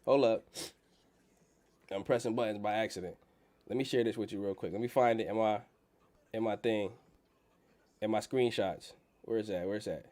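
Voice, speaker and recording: A man's voice: fairly low pitch, steady tone, moderate pace, pauses often, darkish tone. A man with a blocked-nose nasal sound hosting a casual livestream on the stock market, talking in slang and repeating phrases for emphasis. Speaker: livestream host.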